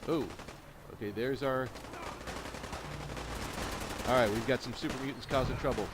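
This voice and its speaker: Casual commentary on a video game comes from a man with a mid-range voice at a moderate pace, who wanders into explanatory tangents. Steady noise from the game runs in the background.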